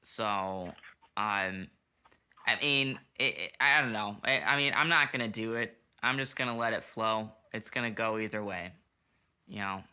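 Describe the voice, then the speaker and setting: A man's voice: on the low side, a little slow, sharp tone, smooth. A slightly tipsy man hosting a casual late-night podcast chat into a studio microphone, rambling and swearing with lots of restarts. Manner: rambling and profane, many restarts. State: a little tipsy. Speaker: podcast host. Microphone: studio microphone, monitored on headphones.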